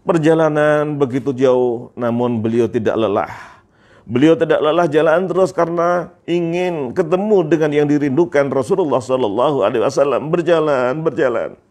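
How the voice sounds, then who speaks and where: A preacher from Indonesia telling a moving story in an emotional sermon, repeating phrases with feeling. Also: male voice, a little high, moderate pace, a little mellow. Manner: repetitive, emotive narration with religious phrases.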